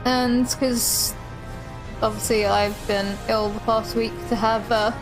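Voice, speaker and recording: A young woman streams a game and chats casually with friends, self-deprecating and quick to laugh. Her voice sits a little high. Faint music plays behind her. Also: fairly even intonation, low-quality recording. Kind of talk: casual chat while streaming.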